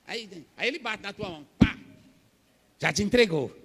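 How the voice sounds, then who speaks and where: A man from Brazil preaching a Pentecostal sermon, animated and acting out scenes with voices. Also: high voice, moderate pace, slightly rough, in a large hall. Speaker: pastor.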